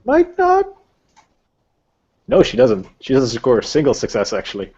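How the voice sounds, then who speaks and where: A man acts as game master for a tabletop roleplaying game, narrating and chatting casually with the players. His mid-range voice is husky and somewhat dark, moving at a normal pace with huge swings in pitch. The recording sounds dull and lo-fi.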